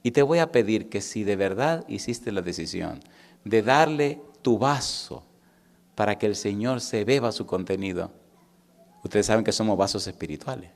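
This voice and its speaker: Middle-aged male pastor, sermon delivery, swings loud to hushed. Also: on the low side, moderate pace. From Caribbean. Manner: storytelling, swings from loud and animated to hushed and intimate; asks the congregation questions.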